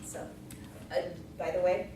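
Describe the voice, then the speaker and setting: A middle-aged woman telling a folksy tall tale live, in a conversational, tongue-in-cheek way. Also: measured pace. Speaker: storyteller in a tall tales contest. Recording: echoey room from far off, noisy.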